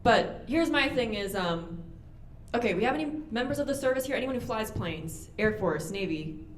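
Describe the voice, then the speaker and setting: A young woman doing a stand-up comedy set on a club stage, delivering deadpan punchlines and quick acted-out voices into a handheld mic. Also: on the high side, slight background noise. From United States. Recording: roomy club with audience ambience.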